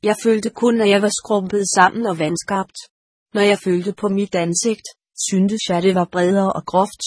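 A woman reading a first-person story aloud in a measured, solemn way. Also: medium pitch, slightly rough, no echo, studio quality. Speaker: audiobook reader.

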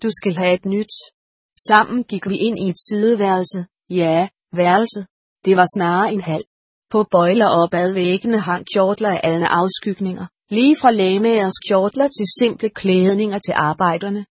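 Husky woman narrating an audiobook. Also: medium pitch, no room sound, clean studio sound. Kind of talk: first-person audiobook narration.

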